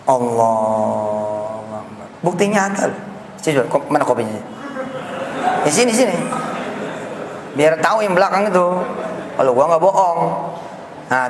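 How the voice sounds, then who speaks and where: A man preaching in a Jakarta Indonesian accent with a high, lively voice. He cracks jokes and banters with the congregation in slangy, casual speech. The sound is roomy and echoing, with a faint background hiss. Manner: animated, jokey, slangy, banters with the audience. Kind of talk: lively mosque sermon. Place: mosque hall. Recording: echoey hall, faint background noise.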